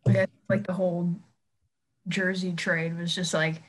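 A woman's voice: lowish voice, little pitch movement, a little slow, low-quality recording. A young woman in a casual hockey chat, dropping wry quips.

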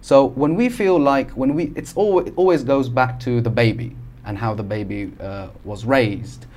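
A man's voice: mid-range voice, moderate pace, a little mellow, a little hiss or hum. Male podcast guest from Algeria, explanatory, casual, frequent restarts. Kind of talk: casual conversation.

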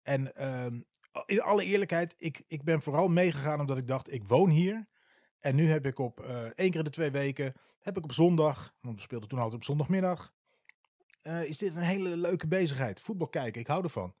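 A man's voice: a little high, brisk, darkish tone, dry recording. Candid Dutch-speaking man, dry sound. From eastern Netherlands. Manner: candid, hesitant, with many filler sounds. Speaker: football club supporter. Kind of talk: casual spoken storytelling.

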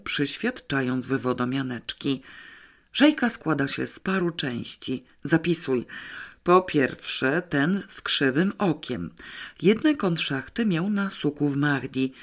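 A man narrating a children's adventure novel as an audiobook, in measured storytelling. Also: on the high side. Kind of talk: scripted narration.

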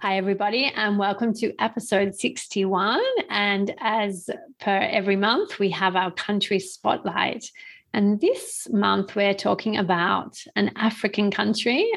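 A woman's voice: mid-range voice, measured pace, gravelly. A woman co-hosting a podcast, chatting casually and asking questions in a friendly way, laughing often. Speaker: podcast co-host. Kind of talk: casual interview chat.

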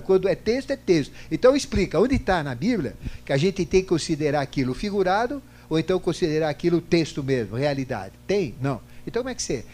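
An older man teaching a spiritual class, animated, asking rhetorical questions and acting out both sides of a past argument. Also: fairly high pitch. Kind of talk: lecture to a class. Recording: faint hum, digitized from CD.

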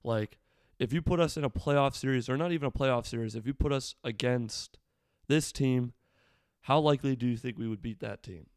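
A man's voice: medium pitch, moderate pace, darkish tone, clear, resonant tone, no room sound, studio quality. Casual man with a slightly weathered voice. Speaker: sports fan commentator. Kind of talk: casual solo sports commentary.

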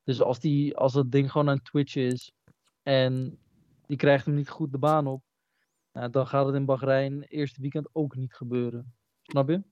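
A man's voice: medium pitch, level tone, moderate pace, darkish tone, no room sound, highs cut off. A man chatting casually on a podcast over a remote call, rambling and swearing freely. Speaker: podcast co-host. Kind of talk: casual chat. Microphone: remote call with a weak connection.

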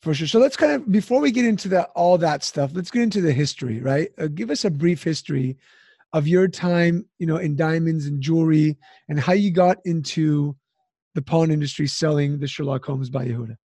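A man's voice: fairly high pitch, fairly quick, mellow, dry recording. A male podcast host talking in an upbeat, salesy way and often tagging lines with "right?". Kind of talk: casual podcast talk with ad read.

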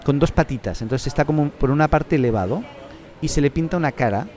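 A man's voice: on the high side, expressive, fast talker, darkish tone. A man with a Catalan accent hosting a casual podcast, rambling and joking with lots of restarts. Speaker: podcast host.

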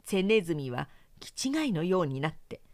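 A professional woman narrator reading a children's story aloud, expressive and clearly articulated, close to the mic. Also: on the low side, moderate pace, no echo.

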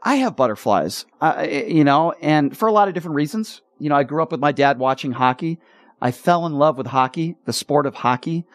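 A man hosting a sports talk radio show, talking in an earnest, halting way with repeated words, choked up with emotion. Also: a little high, animated, no echo, clean studio sound.

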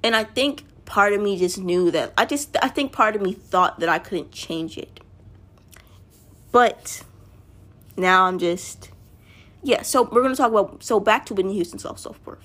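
A woman's voice: mid-range voice, animated, moderate pace, fairly bright tone. Rambling woman chatting to her listeners. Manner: rambling, self-correcting, often addresses listeners directly. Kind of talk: casual monologue to listeners.

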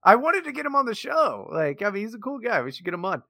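Animated, bright-voiced young man co-hosting. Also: high-pitched, creaky, no room sound, clean studio sound. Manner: animated, swearing, quick to joke. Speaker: podcast co-host. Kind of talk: casual profane chat.

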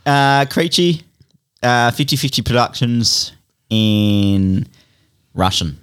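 A man's voice: medium pitch, lively intonation, takes it slowly, smooth. An Australian man hosting a casual podcast, egging his mates on and laughing often. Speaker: podcast host. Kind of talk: casual chat.

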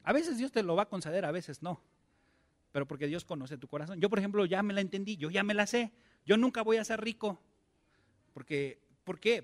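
High-voiced pastor preaching conversationally. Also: male voice. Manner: conversational, asks the congregation many questions. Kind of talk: sermon.

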